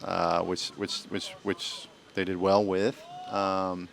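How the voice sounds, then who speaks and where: Casual joking amateur soccer commentator, man. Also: on the low side. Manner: joking, informal, tries bits of Spanish. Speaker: match commentator. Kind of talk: casual live play-by-play commentary.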